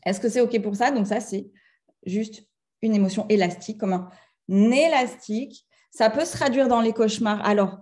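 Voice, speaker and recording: A middle-aged French woman giving a lively talk on emotions to a live audience. She speaks to them directly and acts out little scenes in other voices. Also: on the high side, normal speed. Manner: chatty, addresses the audience directly. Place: conference room with a live audience.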